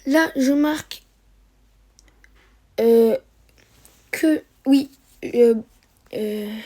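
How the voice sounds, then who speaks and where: Woman, high mellow voice, walking viewers through a strategy match with lots of "uh"s and restarts. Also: drawn-out words. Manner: hesitant, many fillers and self-corrections. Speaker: gameplay commentator. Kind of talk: narrated strategy game replay commentary.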